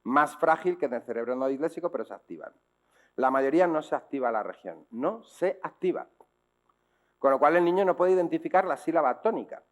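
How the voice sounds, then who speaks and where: A man from Spain with a Spanish accent, a speaker on dyslexia, gives a public talk to teachers and parents, explaining things didactically and often checking in with rhetorical questions. His voice is on the high side, animated, and fast.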